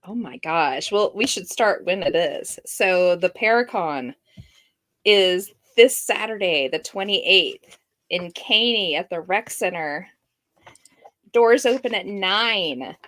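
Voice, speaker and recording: A woman's voice: medium pitch, animated, takes it slowly, a bit bright. A chatty woman co-hosts a podcast, talking casually and laughing often. She has a mid-range voice, and her talk comes through a streamed video call. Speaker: podcast co-host.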